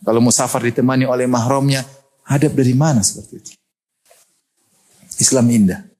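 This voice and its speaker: A middle-aged man from Indonesia preaching a sermon, animated and joking and often laughing. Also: medium pitch, brisk.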